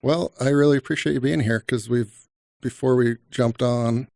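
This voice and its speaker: A man's voice: mid-range voice, steady tone, moderate pace, gravelly, a little mellow, no echo, studio quality. A man hosting a podcast interview, easygoing and joking. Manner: easygoing, joking, laughs often. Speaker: podcast host.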